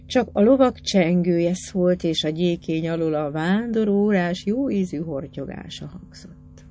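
Brief: a woman with a low voice, reading a novel aloud expressively, faint hiss behind her. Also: lively intonation, mellow. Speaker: audiobook narrator.

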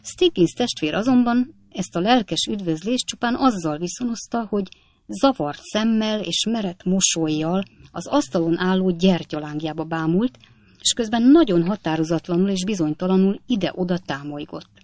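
A woman narrating an audiobook in a measured storytelling delivery. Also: on the low side, darkish tone, dry recording. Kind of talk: scripted narration.

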